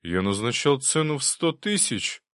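A man voicing a flustered, excitable middle-aged prince, lifting his voice higher and drawing out bewildered phrases. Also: normal speed, dry recording, clean studio sound.

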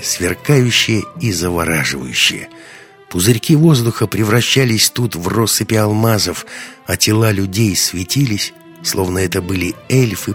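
Low guy reading an audiobook, calm steady storytelling, faint music under it. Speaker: audiobook narrator. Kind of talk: scripted narration.

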